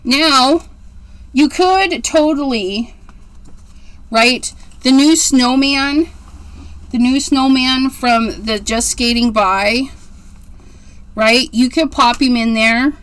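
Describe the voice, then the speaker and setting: A woman in her forties, with a high, slightly bright voice, hosts a casual card-making livestream, speaking slowly and pausing often. She's chatty and rambling, gushing over how cute things look. The audio quality is poor.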